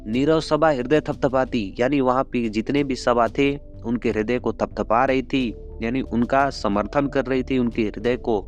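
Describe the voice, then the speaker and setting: A man's voice: medium pitch, fairly even intonation. A man teaching a class, explaining a poem line by line and going over each phrase again in simple words. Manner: explains slowly, repeating phrases with yaani and matlab. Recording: dull lo-fi sound with soft background music.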